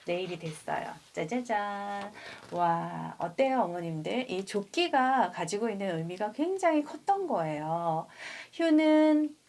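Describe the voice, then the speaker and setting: A woman in her thirties reading a picture book aloud to expecting mothers, pausing to comment and speaking to them directly. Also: mid-range voice. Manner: expressive, addresses mothers directly. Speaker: prenatal storyteller for mothers.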